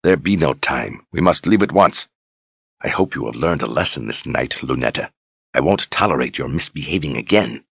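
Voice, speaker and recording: Guy doing an angry cruel general, shouty, stiff old grammar, dry sound. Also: extremely low pitch, animated, moderate pace, vocal fry, slightly rough, no echo, full character voice. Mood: cold. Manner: harsh, commanding, archaic grammar. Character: cruel wrathful male zealot general.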